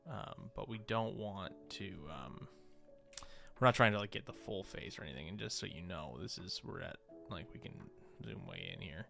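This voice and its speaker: His voice sits low, gravelly and a bit bright, animated at a normal speed, with faint music in the background. He's a streamer and visual artist musing hesitantly while narrating his on-screen work in a casual livestream.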